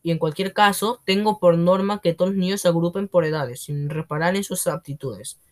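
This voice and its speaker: Guy putting on a loud bossy headmistress, sneering and yelling, kinda high voice, audiobook. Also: brisk, lightly acted. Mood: scornful, bullying. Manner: roaring, contemptuous, bossy. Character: bullying domineering female headmistress, booming and scornful.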